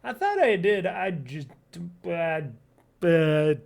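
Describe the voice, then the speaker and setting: Solo gaming podcast host, male, nasal and high-pitched, rambling and self-deprecating, desk mic at home. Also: very animated, takes it slowly, vocal fry. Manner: rambling and jokey, laughs at himself. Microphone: desk mic at home office.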